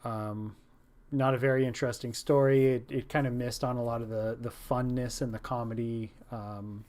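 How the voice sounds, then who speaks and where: A man co-hosting a movie podcast, chatting casually, agreeing and trailing off softly at the ends of his thoughts. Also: mid-range voice, flat delivery, normal speed. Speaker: podcast co-host.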